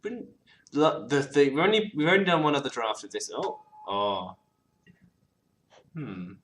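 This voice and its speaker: Over faint background noise, a co-host offers relaxed commentary on an online card game he's playing. He murmurs card names and restarts words as he goes. His mid-range voice is sing-song, a bit bright, and a little slow.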